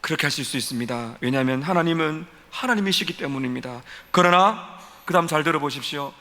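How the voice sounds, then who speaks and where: A man delivers an earnest sermon from the pulpit, with the lines of prayer acted out. His voice sits high and sounds bright. The church hall rings with long reverb. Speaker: pastor.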